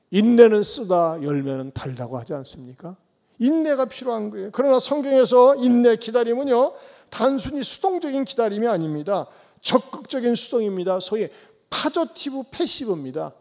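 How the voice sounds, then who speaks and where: A man preaching a sermon as pastor, tossing rhetorical questions at the congregation and swinging between loud calls and soft low asides. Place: church sanctuary. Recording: long church hall reverb.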